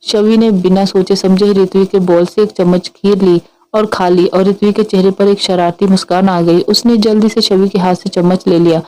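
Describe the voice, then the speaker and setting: A woman narrating a dramatic family story in a calm, even storytelling read. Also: medium pitch, normal speed, rough recording.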